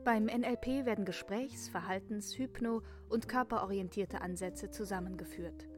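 Female narrator, measured scripted reading, mid-range voice. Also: mid-range voice, over music.

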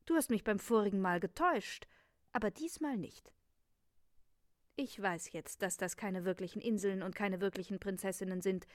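A woman voicing an earnest, indignant young prince in a storybook tale, reading his lines a little higher and louder. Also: moderate pace, no room sound, studio quality, lightly acted.

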